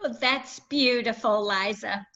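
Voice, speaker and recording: A bright, sharp-edged woman's voice speaks earnestly as a caring home worker, sitting a touch high. over slightly dull call audio. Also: a little slow. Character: warm-hearted nursing-home worker Ophelia.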